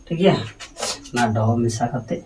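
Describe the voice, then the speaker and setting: A man's voice: mid-range voice, expressive, moderate pace, distant mic, background noise. A man teaching pronunciation letter by letter, patiently repeating each sound and checking that his listeners follow. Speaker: language teacher.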